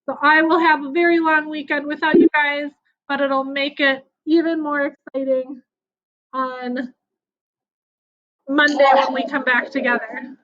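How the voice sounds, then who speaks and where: A woman's voice: high voice, steady tone, measured pace. A woman teaching young children in an online class, upbeat and encouraging, over a video call. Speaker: elementary school teacher. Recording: dull lo-fi video call audio.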